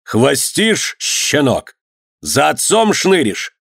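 A man's voice: mid-range voice, big pitch swings, no echo, clean studio sound. A man voicing a bold, hot-tempered merchant lord who mocks and then erupts in anger. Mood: enraged. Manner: mocking, brash, quick to explode.

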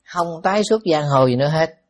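Monk telling a story. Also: male voice, a little high, brisk. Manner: lively anecdotal storytelling with asides to the audience. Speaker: Buddhist monk. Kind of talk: storytelling sermon.

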